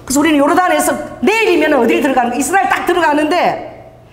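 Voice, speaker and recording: A middle-aged woman pastor preaching a sermon, telling stories with lively delivery and acting out dialogue. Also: sits high, fast. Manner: animated storytelling, acting out dialogue. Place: church sanctuary. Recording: church hall reverb.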